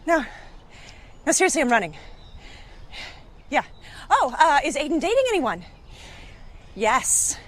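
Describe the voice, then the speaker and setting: Brief: a rambling, flustered woman friend, high and animated, stumbling over her words. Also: unhurried, long pauses. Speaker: friend of the lead. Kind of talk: film acting.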